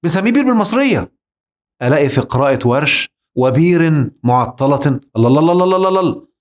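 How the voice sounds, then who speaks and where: Egyptian male lecturer, slightly high voice, emphatic and rhetorical. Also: big pitch swings, very fast. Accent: Egyptian Arabic. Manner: emphatic, rhetorical, addresses the listener directly. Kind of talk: religious lecture.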